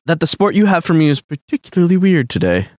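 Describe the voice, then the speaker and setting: A young man co-hosting a casual comedy podcast, tossing out quick deadpan quips and laughing. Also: on the high side, no room sound, clean studio sound. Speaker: podcast co-host.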